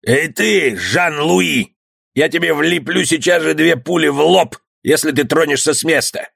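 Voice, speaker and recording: A man voicing a gruff, threatening one-eyed male pirate in a read-aloud story. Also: on the high side, unhurried, a bit bright, no room sound, studio quality, voice pushed up, heavily acted. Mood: menacing. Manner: threatening, sneering.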